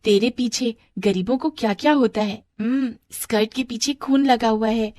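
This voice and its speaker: A woman's voice: on the high side, moderate pace, warm tone, no echo, clean studio sound, pitched above the performer's own voice, lightly acted. A woman voicing a mean, rich schoolgirl who mocks a poor classmate in a scornful tone. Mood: sneering. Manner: mocking, scornful.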